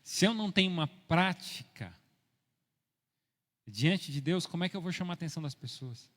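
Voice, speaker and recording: A middle-aged Brazilian man preaching a sermon, telling stories with an ironic humor and moving from soft asides to loud, forceful preaching. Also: a little high, expressive, moderate pace. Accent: Brazilian Portuguese. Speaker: pastor. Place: church hall. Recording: long church hall reverb.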